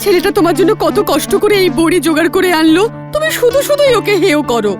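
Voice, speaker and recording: A woman's voice: very high-pitched, big pitch swings, quick pace, music in the background. A woman voicing a scolding cartoon lady in a Bengali comedy. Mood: chiding.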